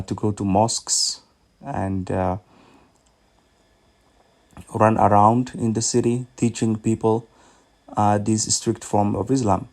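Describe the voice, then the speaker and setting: Man, Somali accent, 30s, low mellow voice, gravelly, earnest faith testimony. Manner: earnest, measured, slightly halting. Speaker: ministry speaker.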